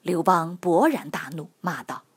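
A woman narrating history stories for children in a lively, expressive storytelling manner. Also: on the low side, unhurried, breathy edge.

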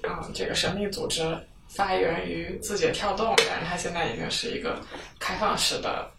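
A woman's voice: on the low side, level tone, moderate pace, creaky. A woman hosting a casual podcast chat, asking playful questions. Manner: chatty, asks playful questions. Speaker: podcast host. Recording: roomy, distant mic with noise.

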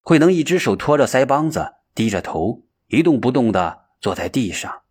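A male storyteller reading an audiobook with expressive, dramatic phrasing. His voice is husky and rough, with lively rises and falls at a middle pitch. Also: normal speed. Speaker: narrator.

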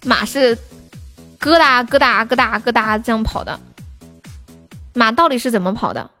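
A young woman from Sichuan with a high, bright voice chats casually to her livestream viewers. She is playful and giggly, breaking into yelps while she games. Faint music plays softly behind her. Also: lively intonation, normal speed. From Sichuan, China. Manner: playful, giggly, yelps and shrieks mid-game.

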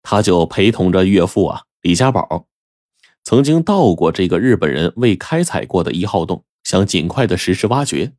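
Male oral storyteller, low and lively, talks straight to the listener, dry close recording. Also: moderate pace, dry recording. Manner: lively, chatty, addresses listeners with asides.

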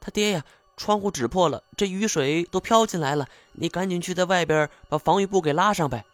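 A man's voice: high voice, fairly quick, dry recording, pitched above the performer's own voice, natural voice. A man voicing a frantic middle-aged rural farm wife who pleads urgently.

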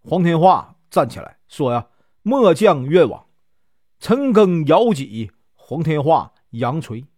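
A man telling a classic legend in a casual, chatty storytelling way, with lots of drawn-out filler particles. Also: fairly high pitch, very animated, a little mellow, no echo, clean studio sound.

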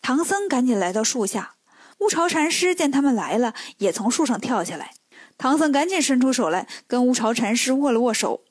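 A woman with a high voice tells a children's story, keeping it lively and chatty. She is recorded close and dry, with no room echo. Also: fairly quick, slightly rough.

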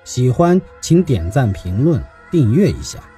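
A man narrating a classical tale in a lively, expressive reading as the storyteller of his channel. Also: mid-range voice, measured pace, soft background music.

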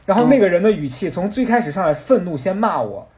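Fast-talking man telling a story. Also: high-pitched. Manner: animated, rambling storyteller with restarts and laughter. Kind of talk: casual podcast storytelling.

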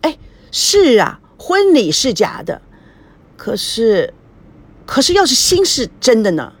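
Woman reading a gloomy young groom, flat dejected tone, husky, storybook. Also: on the high side, slow, voice pushed up, exaggerated voice.

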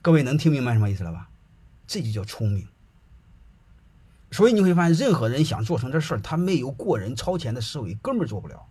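Very husky middle-aged man telling stories. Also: mid-range voice, very animated, fast, warm tone. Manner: chatty, colloquial, often checks that listeners follow. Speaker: speaker telling anecdotes. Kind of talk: casual storytelling to an audience.

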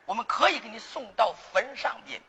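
Male folk comic, gravelly and high, brassy boastful shopkeeper patter. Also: sing-song, a little fast, low-quality recording. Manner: boastful, loud, laughing delivery. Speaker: folk storyteller playing a greedy shopkeeper. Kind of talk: comic folk-story performance.

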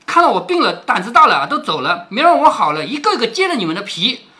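A man reading aloud voices a sharp-tongued, sickly young maidservant who scolds the younger maids in a raised, shrill voice. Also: sing-song, fast, full character voice. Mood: scolding.

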